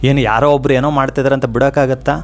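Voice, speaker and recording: A man's voice: mid-range voice, level tone. A man giving an earnest devotional motivational talk. He speaks directly to his listeners and repeats his points. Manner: slows to a soft chant for prayers.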